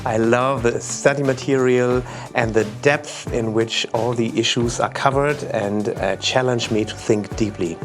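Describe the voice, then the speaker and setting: Swiss male listener, mid pitch, earnest read, faint music. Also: steady tone, measured pace, few pauses. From Switzerland. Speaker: listener in a supporter promo. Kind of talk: read testimonial.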